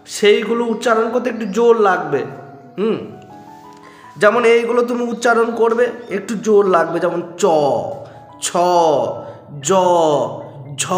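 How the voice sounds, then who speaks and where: A man teaching a recorded grammar lesson, patiently explaining step by step and sounding out single letters for his students. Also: high voice. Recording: echoey room with long reverb and faint music.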